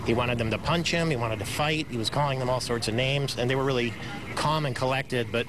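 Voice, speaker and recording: A man's voice: mid-range voice, a little fast, music in the background. A man recounting what he saw as an eyewitness in a news interview. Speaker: eyewitness passenger. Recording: noisy interview with vehicle ambience.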